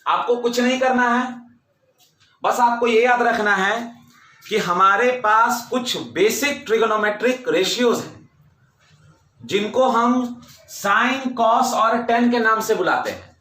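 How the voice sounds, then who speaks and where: Guy teaching a class, high voice, takes it slow, repeats stuff, echoey room. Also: pushed and bright. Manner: repeats key points with emphasis, mixing English terms into Hindi. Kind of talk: classroom lecture.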